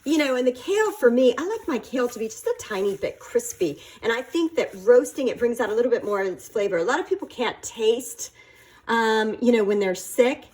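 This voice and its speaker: A woman hosting a casual cooking demonstration, talking in a halting way with many fillers and playful, flirty asides. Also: fairly high pitch, expressive, darkish tone. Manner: halting, filler-heavy delivery. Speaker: cooking video host.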